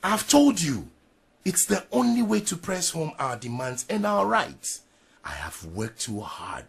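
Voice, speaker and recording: A man acting as a proud ex-soldier sergeant in a period drama, speaking with a Ghanaian English accent. His voice is gravelly and husky, and it swings widely in pitch as he makes his speeches. He sounds defiant and forceful. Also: sing-song, unhurried, heavily acted. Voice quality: raspy, gravelly.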